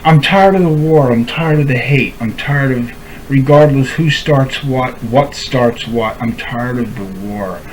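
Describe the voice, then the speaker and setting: A man's voice: medium pitch, a little slow, slight background noise, low-quality recording. A man speaking straight to camera in a heartfelt, pleading monologue that keeps circling back on itself. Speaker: vlogger. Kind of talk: emotional direct-to-camera monologue.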